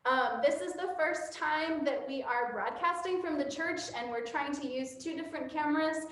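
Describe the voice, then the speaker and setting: A woman's voice: high-pitched, moderate pace, a bit bright. A woman leading a church service and giving announcements with frequent ums, her voice carrying a cathedral echo in a church sanctuary. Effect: cathedral echo from a large church hall. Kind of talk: church announcements to a streamed congregation. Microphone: room microphone for a livestream. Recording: heavy echoey church room.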